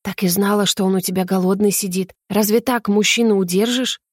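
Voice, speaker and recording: A woman voicing a fussy, doting older mother who talks in a sugary, drawn-out way and scolds gently. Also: medium pitch, steady tone, no room sound, clean studio sound, natural voice. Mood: coaxing. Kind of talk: audiobook character voice.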